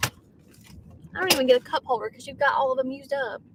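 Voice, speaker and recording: Young Southern woman, chatty gig-driver streamer talking to her chat from a car, slightly high voice. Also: steady tone, normal speed, noisy background. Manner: chatty, reads viewer comments aloud. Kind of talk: casual livestream chat.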